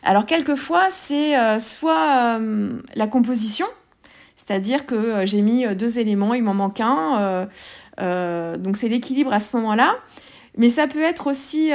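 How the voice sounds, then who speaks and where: A French-accented woman talks casually through her art journal page. Her voice sits a little high, and she hesitates often, with fillers and restarts. It sounds like a relaxed craft tutorial voice-over.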